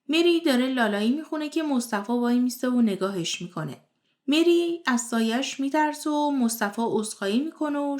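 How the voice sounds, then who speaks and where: A woman retelling the episodes of a television drama in scripted narration, moving briskly from scene to scene. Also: high voice. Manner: brisk retelling of scenes in plain third person. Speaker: series recap narrator.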